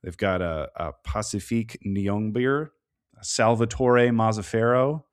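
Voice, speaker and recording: A man co-hosting a casual sports podcast, talking through soccer analysis in a measured way, thinking aloud with plenty of fillers. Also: lowish voice, clear, resonant tone. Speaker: podcast co-host.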